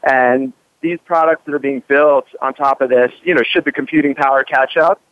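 A man's voice: medium pitch, fairly even intonation, moderate pace, highs cut off. A man speaking casually as an interviewed correspondent, conversational and peppered with "like" and "you know". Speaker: roving correspondent, interview guest.

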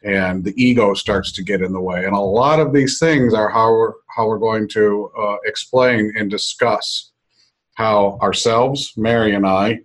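Middle aged american guy, lowish voice, podcast host talking off the cuff, halting and thoughtful, conference room meeting mic. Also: fairly even intonation, rough recording. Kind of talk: unscripted podcast introduction.

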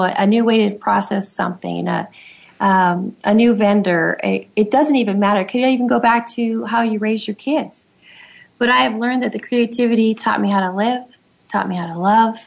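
A middle-aged woman, the guest on an interview show, speaking in a heartfelt and halting way, with many fillers. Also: mid-range voice, gravelly. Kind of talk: emotional personal conversation.

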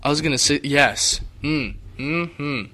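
A teenage boy co-hosting a casual chat show, teasing and excitable, often laughing. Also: a little high, slow pace, a little hiss or hum. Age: teens. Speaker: co-host.

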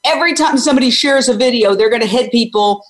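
This fast-talking woman has a slightly high voice and is in her sixties. Once a news reporter and animal rights activist, she now hosts an interview full of energetic, emphatic advocacy. She regularly poses questions only to answer them on her own.

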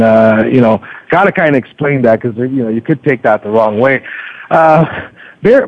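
Heard through dull lo-fi radio sound with no echo, a man with a mid-range voice chats hesitantly as an interview guest, sprinkling in ums and filler phrases. He is himself a podcast host.

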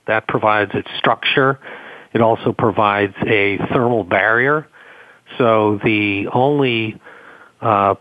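A man with a Boston accent answers an interviewer's questions, explaining carefully and pausing on fillers. His voice sits low and dry. The sound is dull and lo-fi, like a remote link. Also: no room sound. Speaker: company executive guest.

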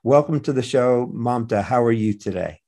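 A man's voice: medium pitch, normal speed, dark tone. A man hosting a radio talk show, addressing listeners and a guest.

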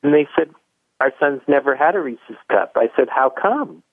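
A man's voice: mid-range voice, moderate pace, no echo. Man telling a story over a phone line. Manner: folksy storyteller, acts out both sides of dialogue. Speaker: chocolate company founder, guest. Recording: dry, tinny phone line.

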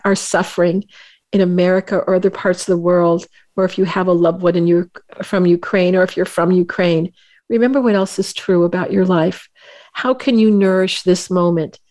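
A woman's voice: lowish voice, steady tone, a little mellow. A woman hosting a talk show, speaking earnestly with frequent restarts and fillers. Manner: earnest, halting, with many restarts. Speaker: radio show host.

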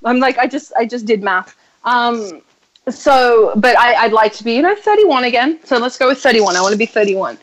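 A woman in her thirties with a fairly high voice, hosting a loose, casual chat. She talks bluntly and freely, swears without hesitation and leans on lots of ums as she goes. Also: rough recording. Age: 30s. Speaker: podcast host.

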